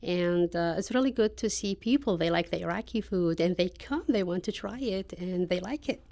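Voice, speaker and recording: A woman's voice: lowish voice, normal speed, gravelly, darkish tone. A woman from Iraq being interviewed on the radio, speaking in simple phrases with hesitant fillers. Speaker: business specialist, guest.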